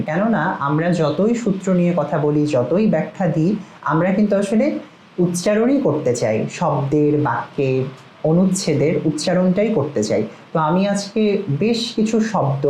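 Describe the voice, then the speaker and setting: A man's voice: fairly high pitch, warm tone, slight background noise. Man teaching pronunciation in an echoey room. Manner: slow, measured, spells out words one by one. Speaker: recitation teacher. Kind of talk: pronunciation lesson with word drills. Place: outside the studio, storm and rain outside. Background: storm and rain.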